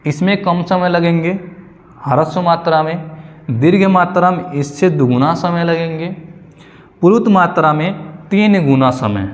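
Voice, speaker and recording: A male teacher giving a slow, repetitive grammar lesson for exam prep, checking in with his students often. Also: on the high side, big-room sound. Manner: explains slowly, repeats key points and asks "ठीक है".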